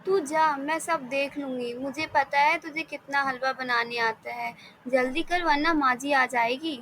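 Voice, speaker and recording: A woman voicing a kind, selfless young woman in a cartoon story, speaking in a gentle, reassuring way. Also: high voice, fairly even intonation, a little slow, a little hiss or hum. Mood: urging.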